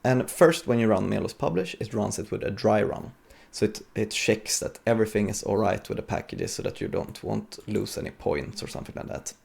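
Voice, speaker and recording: This developer talks briskly with hardly any pauses, his fairly low voice creaky, darkish, and edged with breath. He's running an informal live coding demo at a conference, thinking aloud and showing some hesitation along the way.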